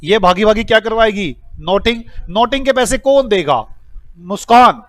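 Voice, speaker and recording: Male teacher, high voice, acts out a story and keeps asking the class if they follow. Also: expressive, moderate pace, no room sound. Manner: acts out a story with quoted dialogue, checks understanding with questions. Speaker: accounts teacher. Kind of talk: classroom lecture told as a story.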